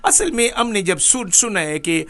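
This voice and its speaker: A man acts out a naive, ever-smiling sweet-talker in a comedy interview, giggling through simple, broken sentences. The voice sits high and bright, light and chirpy. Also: sing-song, normal speed, full character voice. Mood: giggly innocent. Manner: giggly, simple, mangled grammar. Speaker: comic guest.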